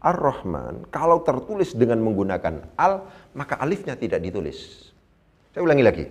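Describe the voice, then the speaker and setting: A man teaching Quran Arabic grammar in a lecture, animated, asking his listeners rhetorical questions and reciting verses slowly. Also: medium pitch.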